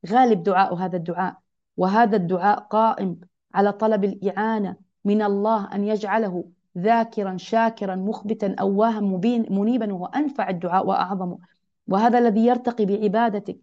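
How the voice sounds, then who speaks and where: A woman's voice: mid-range voice, steady tone, quick pace, warm tone. A woman teaching a religious lesson to other women, earnest and exhorting, repeating key phrases. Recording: dull lo-fi recording.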